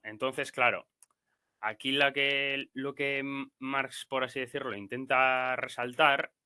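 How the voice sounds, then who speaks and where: A man with a Spanish accent talks through a reading for a study seminar, hesitating often and restarting his sentences. He has a sore throat, yet his tone is very bright and sharp. The sound is dry and close, with no room echo. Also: mid-range voice, clear, resonant tone. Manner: halting, many fillers and restarts. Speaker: seminar participant presenting a reading. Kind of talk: explaining a text in a study seminar.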